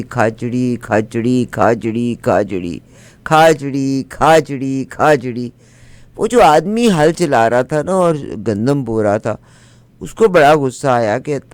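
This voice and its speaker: A man's voice: medium pitch, no echo, lightly acted. A man with a Punjabi accent playing a chatty middle-aged woman who tells a comic folk tale and chants its funny lines over and over. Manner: lively, animated narration with repeated chants. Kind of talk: comic storytelling.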